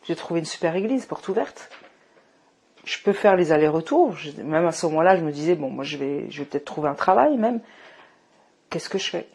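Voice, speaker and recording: Husky-voiced woman giving an emotional testimony. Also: deep voice, animated, brisk. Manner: emotional, restarts often, shifts from hushed to fervent. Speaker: testimony speaker. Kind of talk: personal faith testimony.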